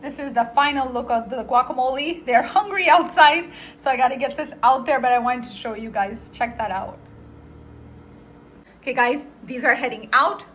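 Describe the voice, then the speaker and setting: A woman's voice: high voice, moderate pace, fairly bright tone, a little hiss or hum. A woman filming a casual cooking demo in her home kitchen, chatting and explaining each step to her viewers. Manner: chatty, instructive, talks to viewers. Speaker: cooking vlogger.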